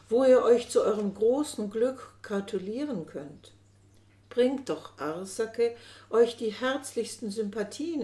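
A woman's voice: medium pitch, warm tone, close to an everyday voice. A woman voicing an effusive, scheming old chambermaid who talks insistently, in a roomy recording. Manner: gushing, insistent. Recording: roomy echo.

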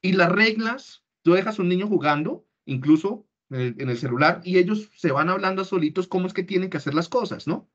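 Male parenting workshop speaker on a video call, conversational, husky, lo-fi sound. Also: high-pitched, fairly quick, hardly any pauses. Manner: conversational, keeps checking in with "¿sí?". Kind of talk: online parenting workshop talk. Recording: dull lo-fi call audio.

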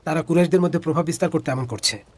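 Dub casting: a demanding elder, fast, slightly high. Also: male voice. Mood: probing. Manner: questioning, demanding. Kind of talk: dubbed drama dialogue.

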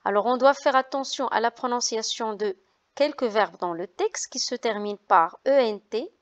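A woman's voice: on the high side, moderate pace, lo-fi sound. A woman teacher reading a simple text aloud and carefully explaining its pronunciation to learners, spelling out letters and repeating words. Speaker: French teacher.

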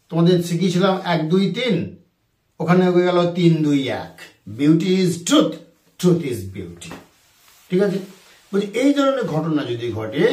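Bengali-accented guy teaching english, talks slow and bouncy, echoey room, mic kinda far. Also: on the high side, darkish tone. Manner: slow, deliberate dictation of English questions, repeating options. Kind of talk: exam-prep lecture mixing Bengali and English.

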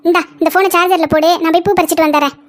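A woman voicing a fierce, protective village mother-in-law who scolds fast in a cartoon. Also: very high voice, fairly even intonation. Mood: scolding. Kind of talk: cartoon voice acting.

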